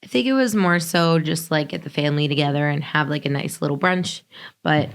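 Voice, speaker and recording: An American woman with a hoarse, raspy, whispery voice that is nearly gone, chatting casually as a podcast co-host. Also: low voice, fairly quick. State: hoarse, losing her voice. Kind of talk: casual chat.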